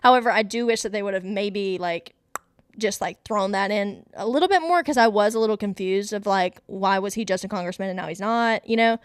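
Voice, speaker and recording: A woman's voice: medium pitch, fairly quick, clean tone, no echo, clean studio sound. A woman hosting her own show, giving a casual, gushing movie review in a chatty way, full of fillers. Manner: gushing, enthusiastic fan talk. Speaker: host.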